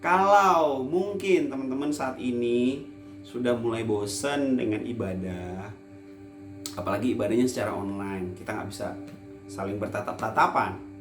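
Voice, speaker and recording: A man preaches a casual youth sermon for an online service at a moderate pace, adding playful teasing asides. He swings between loud emphasis and quiet, low lines, in an echoey room with music in the background.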